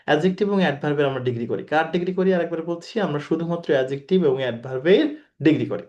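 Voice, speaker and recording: A man's voice: fairly high pitch, lively intonation, rapid-fire, darkish tone, lo-fi sound. A man giving a recorded exam-prep grammar lecture, who repeats his key points, asks the class rhetorical questions and mixes English words into his talk. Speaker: teacher.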